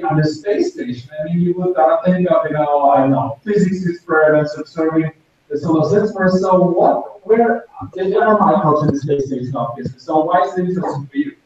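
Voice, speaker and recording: Man, webinar moderator, high voice, dark and mellow tone, rambling with fillers, echoey room, muffled far-off mic. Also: slight background noise. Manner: loose and rambling, with frequent fillers. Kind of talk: hosting a live webinar discussion. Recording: roomy and dull from a distant mic.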